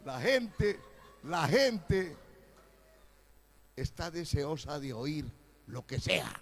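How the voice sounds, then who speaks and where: Un pastor predicando un sermón con énfasis, alternando pasajes pausados con arrebatos fuertes e imitaciones burlonas. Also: male voice, on the high side, sing-song. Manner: emphatic preaching with sudden loud outbursts and mocking quoted voices. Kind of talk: sermon.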